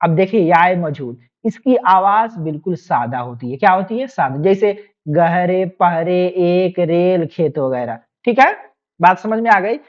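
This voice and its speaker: A woman teaching an online exam-prep lesson, explaining patiently and repeating each point with quick questions to her students. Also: fairly low pitch, big pitch swings, muffled recording.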